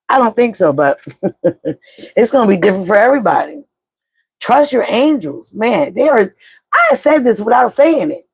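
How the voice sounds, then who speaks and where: A woman's voice: on the high side, a little mellow, husky. Blunt middle-aged woman reading tarot. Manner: blunt, swears casually, pep-talk delivery. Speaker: tarot reader.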